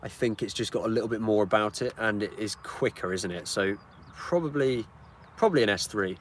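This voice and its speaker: A man's voice: lowish voice, fairly quick. A British man in his twenties, chatting casually through a live-stream Q&A beside his car and answering viewer questions. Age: 20s. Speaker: channel host. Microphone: camera on a tripod. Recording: outdoor street and engine noise. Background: car engine and outdoor ambience.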